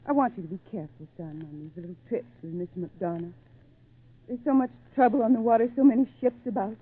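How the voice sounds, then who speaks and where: An actress playing a loving, protective mother, gentle and earnest, in an old-time radio drama. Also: medium pitch, fast, slightly rough, lightly acted. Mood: fond, worried. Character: loving, worried mother of a teenage boy. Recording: tinny, narrow-band old radio recording.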